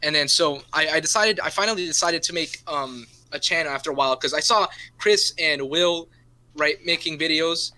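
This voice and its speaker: A man's voice: on the high side, normal speed, pushed and bright. A young man on a podcast, telling a long casual story, swearing often and tagging "right?" onto his sentences. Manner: rambling, swears a lot, keeps adding "right?". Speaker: podcast co-host. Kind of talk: casual chat.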